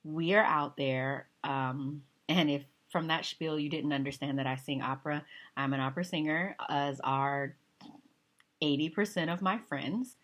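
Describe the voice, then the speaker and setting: Woman in her 30s with a low speaking voice, vlogger, chatty and self-mocking, slips into whispered asides. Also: steady tone, unhurried. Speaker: vlogger and opera singer. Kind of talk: casual talk to camera.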